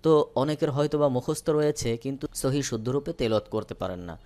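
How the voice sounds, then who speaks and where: A man with a Bangladeshi Bengali accent teaching Quranic recitation, spelling out each syllable slowly and then reciting it drawn out. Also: mid-range voice, lively intonation, warm tone. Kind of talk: step-by-step recitation lesson.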